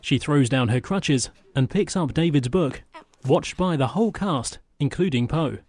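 A man's voice: on the high side, expressive, a little slow, a little mellow, slight background noise. A man giving scripted, matter-of-fact audio description of action in the present tense.

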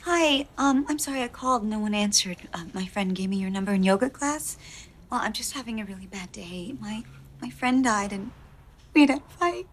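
A woman's voice: mid-range voice, animated, normal speed, slight background noise, natural voice. An actress playing the sly, bitter ghost of a young woman with a sardonic manner. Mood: feigned awkwardness.

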